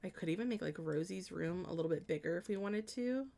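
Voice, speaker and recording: Building in a life-sim game on a live stream, this woman speaks fast with lively intonation, a fairly low pitch, vocal fry and a warm tone. Her house-planning thoughts come out hesitant and meandering, full of trailing restarts, while her greetings and replies to viewers are friendly and chatty.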